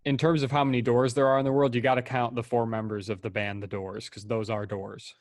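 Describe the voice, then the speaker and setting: A man co-hosting a casual comedy podcast, joking along in a playful, rambling way. His voice sits in a middle pitch. The sound is close and dry. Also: little pitch movement, fairly quick, no room sound. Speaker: podcast co-host.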